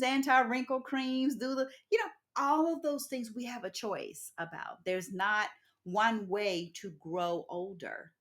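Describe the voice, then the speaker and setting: A woman's voice: mid-range voice, a bit bright. A woman in her fifties hosting a podcast interview, talking expressively and emphatically and laughing often. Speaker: podcast host. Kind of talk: casual interview chat.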